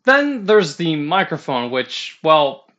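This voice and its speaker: Un hombre que reseña auriculares habla a través de un micrófono de auricular barato con un sonido metálico, como una lata, en tono práctico y algo divertido. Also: male voice, on the high side, very animated, slow pace, a bit bright, faint music behind. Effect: tinny headset microphone, like a tin can. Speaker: headset reviewer. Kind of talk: scripted product review.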